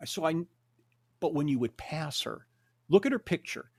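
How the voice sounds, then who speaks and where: Animated older man telling stories. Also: on the high side, moderate pace, breathy edge. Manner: animated, acts out quotes, swears. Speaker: guest storyteller. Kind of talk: conversational storytelling.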